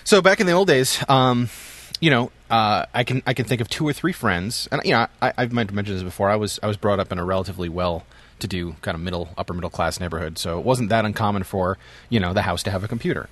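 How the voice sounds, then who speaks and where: A man's voice: lowish voice, fast, fairly bright tone. A middle-aged man co-hosting a podcast, reminiscing in casual chat with jokes and lots of fillers. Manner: storytelling, joking, many fillers.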